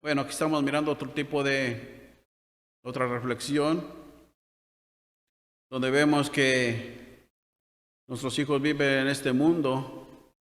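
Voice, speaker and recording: A mid-pitched man delivers a sermon as a deacon. He talks in a halting way, restarting phrases and asking rhetorical questions. His voice carries a long reverb from a large hall. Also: fairly even intonation, a bit bright.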